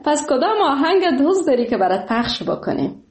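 A woman radio host with a Kabuli Dari accent, welcoming callers warmly and laughing often. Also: high voice, sing-song, echoey room. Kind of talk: phone-in radio chat. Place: radio studio.

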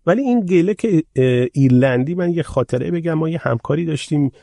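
A man hosting a podcast, reading out listener questions and adding lively asides of his own. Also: a little high, creaky, no room sound, clean studio sound. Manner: curious, reads out listener questions, animated asides. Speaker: podcast host. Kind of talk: podcast conversation.

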